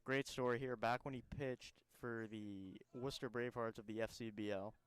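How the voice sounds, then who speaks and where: Clear-voiced young color commentator. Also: male voice, medium pitch, normal speed. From Massachusetts. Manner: relaxed, conversational, joking. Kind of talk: radio baseball commentary.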